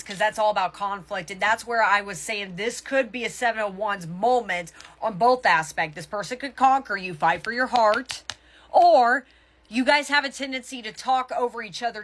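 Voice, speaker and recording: A woman whose voice is fairly high and a bit bright gives viewers a casual tarot reading. She speaks with emphasis but stops often to correct herself mid-thought.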